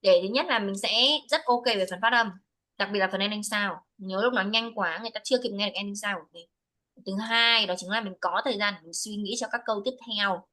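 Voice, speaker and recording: A woman's voice: medium pitch, fairly even intonation, fast talker, sharp tone, poor audio. A woman teaching speaking over a video call, switching between English and Vietnamese as she corrects a student firmly. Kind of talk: one-to-one speaking test feedback.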